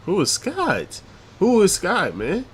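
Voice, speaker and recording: A man's voice: high voice, wildly swooping pitch, slow pace, fairly bright tone. A man hosting a reaction video, laid-back and talking straight to his audience. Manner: laid-back, laughs, talks to the audience, says "bro". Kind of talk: casual reaction commentary.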